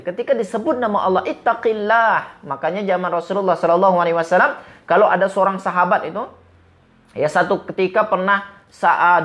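Male preacher, from Medan, animated sermon delivery, recites Arabic phrases. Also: high-pitched, muffled recording. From Medan, Indonesia. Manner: animated preaching, quotes Arabic verses and retells stories. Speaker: Islamic preacher.

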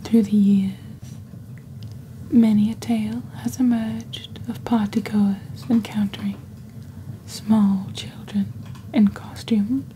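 Acting lightly, an ASMR roleplay host portrays a serene witch presenting products on a magical shopping channel in a soft-spoken scripted piece. She speaks slowly and deliberately in a breathy near-whisper, medium-pitched, very dark and mellow. The audio is poor, picked up close on a desk microphone with faint noise behind her.

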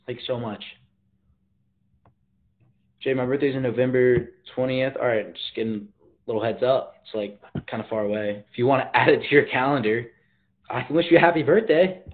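A teenage boy livestreams from his bedroom, speaking in a medium-pitched, animated, brisk voice. He's slangy and laid-back, reading viewer comments aloud while a phone films him at arm's length, so the audio sounds tinny.

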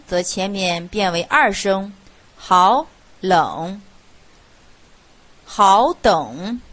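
A woman teaching Chinese pronunciation, reading drill words one at a time with clear, deliberate enunciation and pauses between them. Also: mid-range voice, a bit bright.

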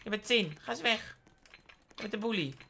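Woman gamer chattering away, super excitable, jumps way up into squeals, keyboard clacking loud behind. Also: moderate pace, slight background noise. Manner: excitable, with sudden high squealing outbursts. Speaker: gaming YouTuber. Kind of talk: playful game commentary. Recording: clear keyboard typing and clicks.

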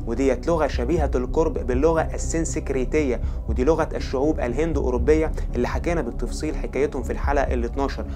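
A man with an Egyptian Arabic accent explaining religious history in a chatty, step-by-step way, asking himself rhetorical questions. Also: mid-range voice. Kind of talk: casual educational narration.

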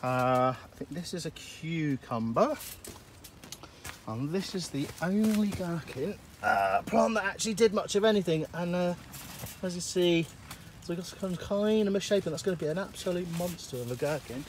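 With a high voice at a moderate pace, a man gives a casual walkthrough of his allotment and polytunnel, wandering from point to point and saying uh often. A little hiss or hum can be heard, and he shoots outdoors on a handheld phone while walking.

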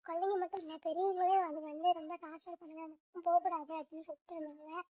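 A girl playing a bold little girl, bossy orders, extremely high voice, doll story play. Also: little pitch movement, quick pace, dry recording, muffled recording. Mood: secretive. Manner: urgent, bossy when giving orders. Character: bold girl who tells ghost tales.

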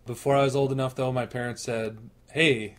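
A man's voice: mid-range voice, little pitch movement, fast, darkish tone. A man in his thirties with a Minnesota accent, co-hosting a casual chat and telling stories with playful asides. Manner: joking storyteller, playful asides. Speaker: podcast co-host.

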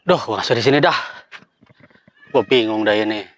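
A man's voice: lowish voice, moderate pace, fairly bright tone. A man hosting a comedy sketch, talking in fussy, exasperated slapstick banter.

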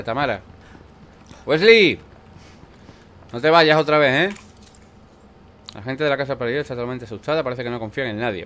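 A man's voice: mid-range voice, fairly bright tone, slight background noise. A man with an accent from Spain giving casual let's play commentary, swearing freely and talking back at game characters. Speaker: gameplay commentator.

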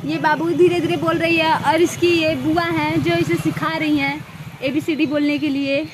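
A young woman with a high voice talks to her viewers while filming on a phone outdoors in a village. She chats and coaxes shy children to say hello. Wind, birds and animals come through clearly behind her. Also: little pitch movement, normal speed. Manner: chatty, coaxing shy children to talk. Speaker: vlogger. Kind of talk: casual vlog narration. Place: outdoors in a village among trees. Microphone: phone held by the vlogger.

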